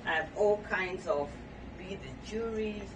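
A middle-aged woman from Tanzania, a gallery owner giving a guided tour of her shop with a friendly sales pitch. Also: measured pace. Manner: warm sales pitch, showing items. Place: indoor gallery in a home. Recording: roomy and distant with background noise.

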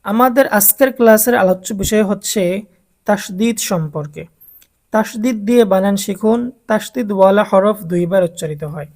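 A woman teaching Quran letter pronunciation in a step-by-step lesson with a Bangladeshi Bengali accent, slowly drilling sounds for learners to repeat. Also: mid-range voice, darkish tone.

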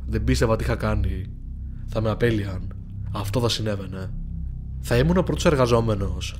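A man narrates a first-person horror story at a measured, somber pace. His voice sits at an ordinary middle pitch. Faint music runs quietly underneath. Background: faint background music.

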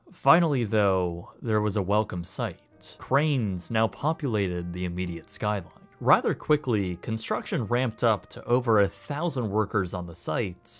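A man narrating a scripted documentary in a voice-over, with wry, slightly sardonic asides. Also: on the low side. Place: voice-over, recorded separately from footage.

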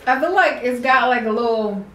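A woman's voice: a little high, animated, normal speed, a bit bright. A young woman chatting casually while chewing a snack, hesitant and full of fillers as she reviews it. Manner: hesitant, lots of fillers and restarts. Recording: echoey room with faint background hum.

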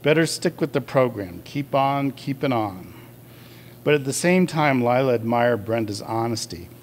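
A male author reading aloud from his own novel, with a measured delivery and a few hesitant fillers. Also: medium pitch, expressive, a little hiss or hum.

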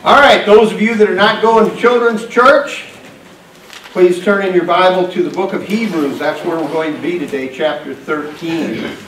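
An older man, a pastor, leading a church service with casual, folksy talk and halting fillers, heard in a church hall. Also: high voice, a bit bright. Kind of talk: sermon and service announcements. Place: church hall, indoors, medium-sized room. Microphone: far camera picking up the room's PA. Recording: echoey room from far off, faint hiss.

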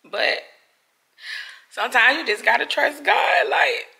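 A woman's voice: a little high, animated, slow pace, gravelly, bright, forceful tone. A young woman, crying through an emotional vlog house tour, exclaiming and calling her viewers y'all, filmed on a handheld phone in an empty new house. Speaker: vlogger.

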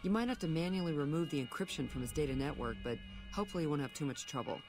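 A woman's voice: low voice, expressive, racing, music in the background. An actress playing a helpful, businesslike young woman scientist in a video game. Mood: brisk, encouraging. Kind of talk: video game character dialogue.

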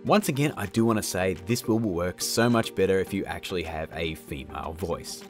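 Background music accompanies a man in his thirties who casually walks "guys" through an audio effects tutorial. He has a low voice and keeps a moderate pace.

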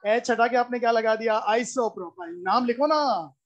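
A woman's voice: on the high side, moderate pace, lo-fi sound. A woman teaching a live class in a lecture, repeating key points and constantly quizzing her students. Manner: repetitive, drilling explanations.

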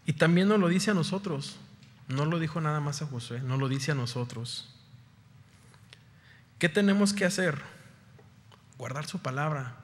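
A man's voice: on the high side, lively intonation, normal speed, long pauses, in a large hall. A man preaching a sermon, firing rhetorical questions and rising to fervent peaks. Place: church sanctuary.

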